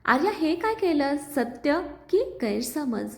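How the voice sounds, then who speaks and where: A woman reading the part of a stern middle-aged mother-in-law who speaks in a grave, firm, measured way. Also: high-pitched, very animated, creaky, darkish tone, full character voice. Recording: roomy echo.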